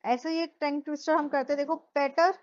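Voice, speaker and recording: A woman with a high voice, Hindi her first language, gives a classroom lecture and keeps checking with her students through repeated questions. She mixes Hindi and English freely. The recording sounds muffled and dull. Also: steady tone, brisk. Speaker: teacher.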